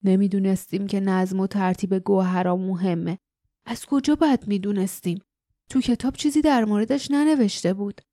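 A woman voicing an offhand male rebel leader in an audiobook, speaking briskly. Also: medium pitch, fairly even intonation, dark tone, no room sound, clean studio sound, natural voice. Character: older male resistance leader, cool and offhand.

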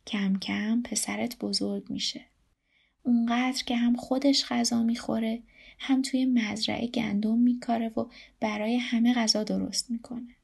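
A woman voicing a kind, patient old grandfather who speaks calmly and reassuringly. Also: a little high, creaky, breathy edge. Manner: calm, reassuring.

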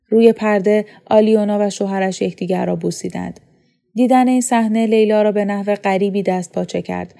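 Woman narrator, calm measured novel reading, mellow warm tone. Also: mid-range voice, creaky. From Iran. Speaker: audiobook reader.

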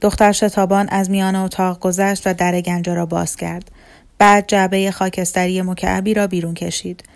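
Calm woman reading a novel aloud. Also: lowish voice, vocal fry. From Iran. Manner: calm, measured storytelling. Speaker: narrator. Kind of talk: audiobook narration of a novel.

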